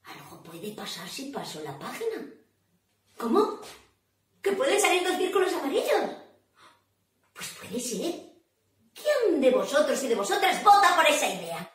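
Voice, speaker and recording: A woman's voice: high voice, a little slow, pauses often, recorded from a distance, slight background noise. Playful woman storyteller, echoey room. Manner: playful and animated, laughs often, coaxes the audience. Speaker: children's storyteller. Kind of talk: interactive storytelling for children. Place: library room.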